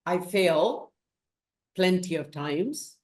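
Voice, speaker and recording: Slow-speaking Peruvian-born woman, echoey room. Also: on the low side, expressive, darkish tone. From Peru. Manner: slow, thoughtful, emphatic. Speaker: guest, business executive. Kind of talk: interview.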